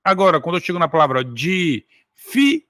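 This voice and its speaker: A man's voice: on the high side, brisk, sharp tone, dry recording, clean studio sound. A man teaching Portuguese for an exam, explaining step by step and drawing words out syllable by syllable. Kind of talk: exam-prep lesson.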